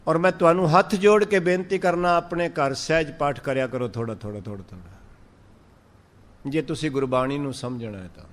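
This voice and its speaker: A man with a Punjabi accent giving a sermon, drawing out verses slowly and then explaining them in lively speech. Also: fairly high pitch, long reverb tail. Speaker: Sikh preacher. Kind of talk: sermon on scripture.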